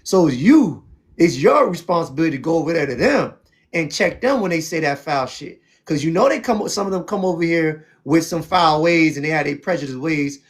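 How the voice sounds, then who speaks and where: A South Florida man hosts a heated debate on a stream, speaking emphatically and preachily and repeating "see what I'm saying." His voice runs on the high side, fairly quick, with lively intonation.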